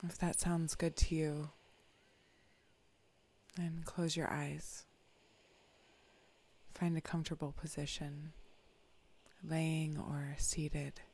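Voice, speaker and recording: Meditation guide half whispering, slow and flat, bit of gravel in the voice. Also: medium pitch. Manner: soft, often whispered, slow and calm instructions.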